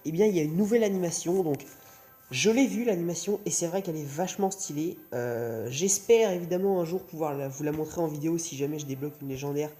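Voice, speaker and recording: A man's voice: a little high, fast talker, dark tone. A young man hosting a gaming video in casual, hesitant, rambling commentary, his mouth sore after wisdom teeth surgery. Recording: music playing behind the voice. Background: music.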